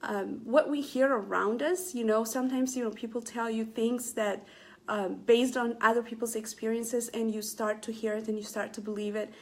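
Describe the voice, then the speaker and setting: A woman's voice: fairly high pitch, steady tone, normal speed, darkish tone. A middle-aged woman from Ethiopia hosting a casual live stream, talking earnestly to viewers with many fillers and restarts. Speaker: Facebook Live motivational host.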